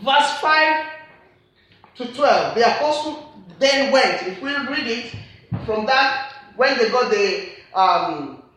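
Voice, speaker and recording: Taking it slowly with long pauses, a Nigerian-accented woman preaches in a very echoey church hall, her fairly high, slightly bright voice full of lively intonation. She earnestly repeats her main points, stressing them with emphatic phrasing.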